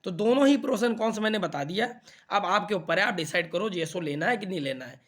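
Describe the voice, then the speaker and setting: A man's voice: sits high, animated, a little fast, a bit bright. A young man coaching exam students in a chatty, explaining way, often checking that they follow. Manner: chatty, repeats "theek hai na" to check understanding. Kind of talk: casual explainer talk to students.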